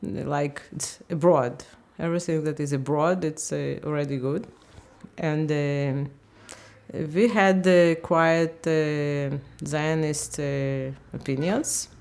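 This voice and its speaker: A woman in her fifties from Ukraine, speaking English, talks haltingly in a candid interview and often searches for words. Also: low-pitched, steady tone, gravelly, darkish tone. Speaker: interviewee, language teacher.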